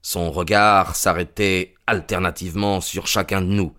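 A man playing the detective's companion, narrating the story in a steady, measured way for an audio drama. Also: deep voice. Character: sober male companion narrating the case.

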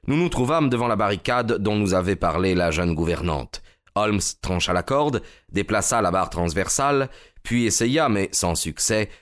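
A man giving a measured, dramatic scripted narration of a story. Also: sits low.

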